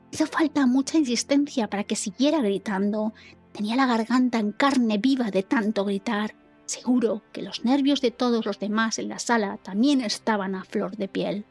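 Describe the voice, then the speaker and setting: A woman giving an earnest, dramatic first-person narration of a story, with a breathy voice. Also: fairly high pitch, darkish tone.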